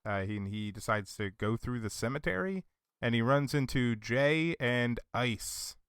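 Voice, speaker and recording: A man co-hosting a casual podcast, relaxed and laughing as he recaps. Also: medium pitch, unhurried, clean tone, no echo, studio quality. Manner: relaxed, hesitant fillers, laughs. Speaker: podcast co-host. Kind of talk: casual chat, recapping a film.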